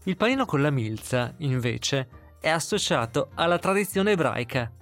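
A man's voice: on the high side, very animated, moderate pace, fairly bright tone, faint music behind. A man with a non-Sicilian Italian accent, hosting a podcast with narration and interview questions. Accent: Italian, not Sicilian. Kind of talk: scripted narration and conversational interviewing.

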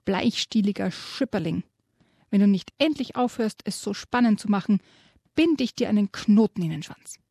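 A woman voicing a grumpy, sharp-tongued female kobold in a children's storybook reading, snappish and scornful. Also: mid-range voice, expressive, moderate pace, vocal fry. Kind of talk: reading a children's book aloud.

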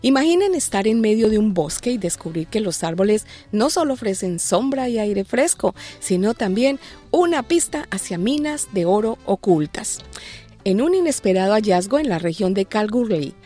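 This mellow, fairly high-pitched female voice belongs to a news show host living in Australia. She reads scripted stories for a light segment, sprinkling in jokey, playful remarks.

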